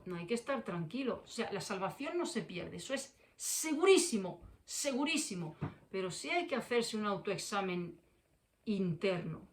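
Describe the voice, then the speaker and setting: A woman's voice: medium pitch, big pitch swings, normal speed. A woman preaching a fiery sermon, repeating phrases for force and firing confrontational questions at listeners.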